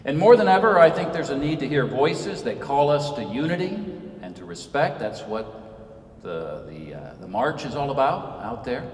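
A Senegalese author in his fifties gives a guest lecture from a podium in a large church sanctuary, measured and earnest, rising and falling for emphasis. His mid-range, darkish voice swings widely in pitch. The podium mic picks him up from afar, so the sound is echoey with faint hiss.

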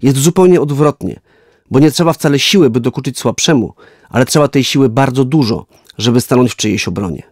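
A man voicing a strict but kind woman schoolteacher in a children's story, speaking with firm authority and then gentle instruction. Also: mid-range voice, fairly quick, dry recording, clean studio sound, close to an everyday voice. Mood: reflective.

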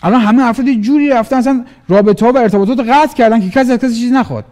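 Guy coaching traders, high voice, acts out little chats. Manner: animated, acts out little dialogues in varied voices. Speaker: business trainer. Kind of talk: motivational business talk.

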